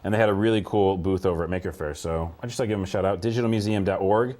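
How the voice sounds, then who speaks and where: A deep, steady, darkish male voice races along as he co-hosts a casual games podcast. He rambles, fills his talk with fillers, and laughs often in this easygoing chat.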